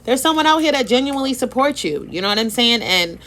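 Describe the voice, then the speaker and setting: A woman's voice: on the high side, fast. Chatty woman hosting a live stream. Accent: Boston. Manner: chatty, animated, reads out viewer comments. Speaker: interview host. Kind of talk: casual live-stream interview.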